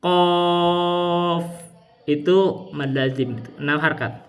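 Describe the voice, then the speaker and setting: A man teaching Quran recitation rules, explaining patiently and demonstrating long drawn-out recited syllables. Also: sits high, pushed and bright. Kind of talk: tajwid lesson with recited examples.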